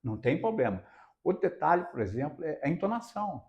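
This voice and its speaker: On a lo-fi recording, a man with a slightly high, darkish voice and big pitch swings speaks fairly quickly. A radio reporter from Minas Gerais, he tells stories in a casual interview in Brazilian Portuguese with the local Minas Gerais accent, repeating phrases for emphasis.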